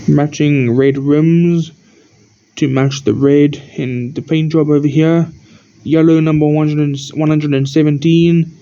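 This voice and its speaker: A tired man who keeps yawning gives a rambling, halting show-and-tell of his toy collection as the channel host, pointing out details one by one. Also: a little high, steady tone, warm tone. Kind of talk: casual show-and-tell narration. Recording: dull lo-fi recording.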